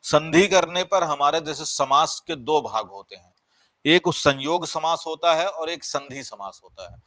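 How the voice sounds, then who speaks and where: Bright-voiced male grammar teacher. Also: on the high side, no room sound. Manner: explains by repeating and asking the class questions. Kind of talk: live online grammar class.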